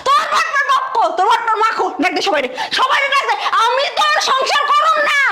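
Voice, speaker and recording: A woman acting out an enraged young bride in a web drama, her voice very high and racing, scolding and mocking. The echoey room carries a clear hum of noise behind her. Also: expressive, fast. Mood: furious. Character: furious cheated young bride, loud and scolding.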